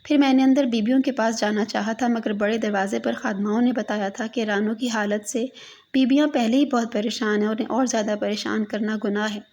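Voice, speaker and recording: Gravelly-voiced woman reading a mournful story. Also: fairly high pitch, steady tone, a little mellow. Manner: mournful, addressing her lost daughter.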